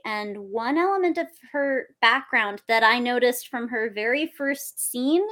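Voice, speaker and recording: A woman's voice: a little high, fairly bright tone. A woman hosting a podcast, asking her guest questions in a playful, casual way. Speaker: podcast host. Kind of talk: casual interview.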